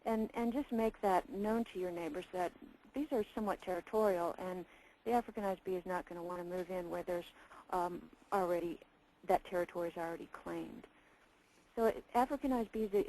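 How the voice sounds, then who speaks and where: Woman answering bee questions, relaxed warm voice, calm and reassuring. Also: fairly low pitch, poor audio. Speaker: bee removal expert. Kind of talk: webinar answer.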